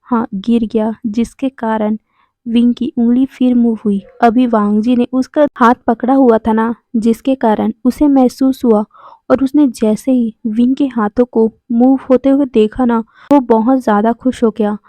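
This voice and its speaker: A woman's voice: on the high side, steady tone, a little slow, dark tone, no echo. Chatty woman retelling a story. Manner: chatty, with fillers and self-corrections. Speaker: fan fiction narrator. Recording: dull lo-fi, dry sound.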